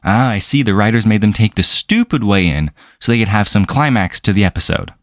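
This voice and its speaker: A man's voice: fairly low pitch, animated, a little fast, no room sound. A man giving sarcastic video commentary as a reviewer, with a dry, incredulous way of asking questions.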